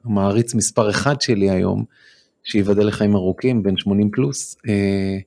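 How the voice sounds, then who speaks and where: A man in his forties, telling a personal story as a guest on a studio podcast, halting with many fillers and restarts. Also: fairly low pitch, fairly even intonation, creaky, darkish tone. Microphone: studio microphone.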